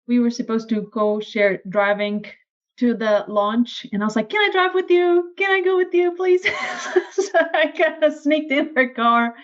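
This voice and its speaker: A woman with a Czech accent, a podcast guest telling her story in casual conversation, lively and acting out quoted lines. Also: moderate pace, dull audio. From Czech Republic. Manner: animated, acts out quoted lines in a higher voice.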